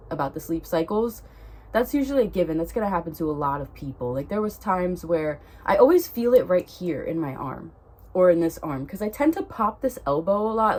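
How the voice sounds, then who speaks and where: A young spiritual vlogger talks casually to camera while congested with a cold. Her voice is low-ish and husky, and she rambles, repeatedly correcting herself.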